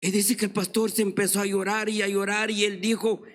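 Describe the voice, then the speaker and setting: A man preaching an evangelistic sermon and telling a story. He swings from hushed murmurs to shouted exhortation and keeps addressing his congregation as brothers. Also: high-pitched, flat delivery, brisk. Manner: addresses congregation as "mis hermanos".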